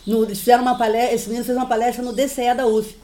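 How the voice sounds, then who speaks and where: A woman giving a university class lecture in an animated, storytelling way. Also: a little high, rapid-fire, reverberant. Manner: animated, storytelling, laughing often.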